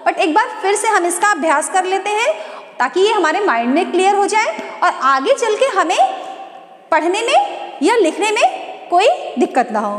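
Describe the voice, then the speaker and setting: A woman teaching a Hindi lesson to students, asking questions and answering them herself, and slowly drawing out each syllable. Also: very high-pitched, sing-song. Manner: slow, drawn-out sounding of syllables. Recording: echoey room with long reverb.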